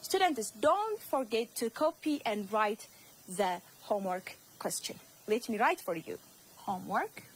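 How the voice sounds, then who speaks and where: A woman teacher with an Ethiopian accent, whose first language is Amharic, gives a slow, repetitive English lesson to young students. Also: fairly high pitch, lively intonation, a little hiss or hum, low-quality recording. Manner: slow, repeats words, addresses students.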